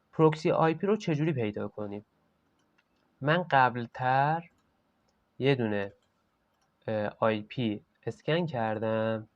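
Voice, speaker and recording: A man talks viewers through a software setup, step by step, in an easygoing chatty tone. His voice sits mid-range. The recording is dry, with no room sound, and a little dull, like a basic desk mic. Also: medium pitch, dry recording. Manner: casual, step-by-step explaining. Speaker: tech tutorial host. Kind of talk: screen-recorded software tutorial.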